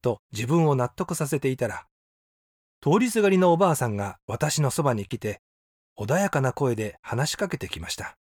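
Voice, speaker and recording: Calm man in his sixties reading. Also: mid-range voice, dry recording. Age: 60s. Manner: calm, measured, reflective. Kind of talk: read-aloud personal essay. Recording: dry close voice with faint background music.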